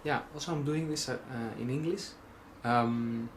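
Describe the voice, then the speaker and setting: Speaking in an unhurried, medium-pitched voice over background noise, this young vlogger from Greece has a Greek accent. His casual rambling is packed with fillers and self-corrections, with wry humor sprinkled throughout.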